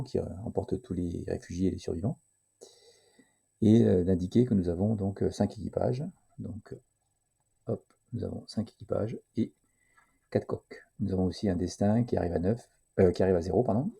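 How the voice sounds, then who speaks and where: A man presenting a casual board game tutorial, hesitant and full of filler pauses, at times reading the game's text aloud. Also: low voice, creaky, warm tone, breathy edge.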